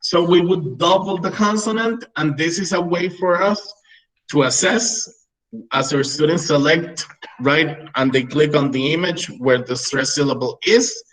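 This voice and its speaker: A man's voice: on the high side, measured pace, a bit bright, low-quality recording. A man in his thirties presenting a webinar for English teachers, explaining classroom tools with frequent "right?" check-ins. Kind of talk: online teacher-training webinar.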